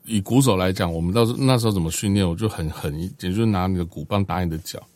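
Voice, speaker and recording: A middle-aged man with a Taiwanese Mandarin accent talks quickly in a low voice. He explains things as a recording engineer, acting out sounds to make his points. The sound is dry and close. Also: dry recording. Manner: explains with sound examples, animated when excited. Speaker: recording engineer and drummer guest. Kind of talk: casual chat.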